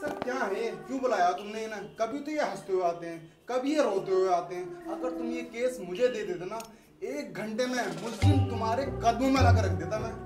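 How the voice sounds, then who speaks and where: A man's voice: high-pitched, brisk, distant mic, natural voice. A man playing a boastful, talkative police constable in a comedy skit. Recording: echoey room, loud background music.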